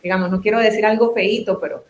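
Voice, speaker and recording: A woman's voice: mid-range voice, fairly even intonation, fast talker, reverberant, slight background noise. A woman from Nicaragua, a business owner and psychotherapist, chatting as a guest in an interview and explaining at length with asides. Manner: talkative, explains with restarts and asides. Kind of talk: interview conversation.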